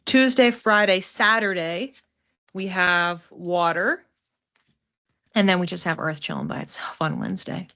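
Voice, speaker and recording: A woman hosts an oracle card reading in an informal, conversational style, often repeating and listing words for emphasis. Her voice is fairly low and sharp in tone, and she keeps a measured pace.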